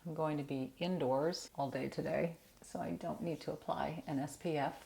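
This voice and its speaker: A woman's voice: sits low, steady tone, normal speed, vocal fry, mellow. A middle-aged woman, chatting through a makeup tutorial in a sleepy morning voice, friendly and self-deprecating. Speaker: beauty vlogger.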